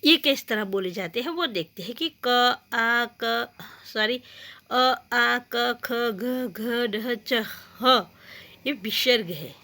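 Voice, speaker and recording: A woman teaching a school grammar lesson, reading out letters and words slowly and saying each one twice. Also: a little high, sharp tone. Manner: slow, deliberate, repeats each word twice.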